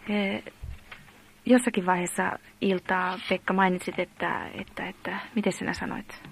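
A woman interviewing a guest, asking deliberate questions with slight stumbles. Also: on the low side, level tone, vocal fry, a little hiss or hum.

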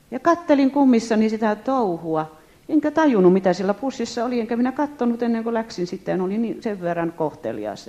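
A woman giving a spoken testimony to an audience, telling her story in a lively way and often addressing her listeners directly. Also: mid-range voice.

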